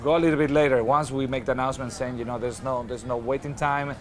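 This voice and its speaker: A man's voice: medium pitch, steady tone, fast, a little hiss or hum. Upbeat Spanish-accented man, cruise director. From Spain. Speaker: cruise director hosting a daily ship show. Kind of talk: unscripted show presenting.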